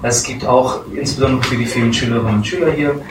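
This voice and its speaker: A man's voice: medium pitch, quick pace. A man moderating an audience Q&A, hesitant and full of fillers. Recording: echoey hall, far from mic, noise.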